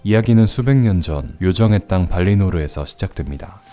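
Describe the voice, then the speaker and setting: A man narrates a story recap in a low voice. The delivery is scripted and dramatic, laid over loud music. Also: expressive, a little fast.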